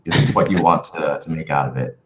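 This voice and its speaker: Very deep-voiced man on a noisy livestream. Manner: rambling, halting, thoughtful. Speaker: livestream host. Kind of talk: casual livestream chat answering viewer questions.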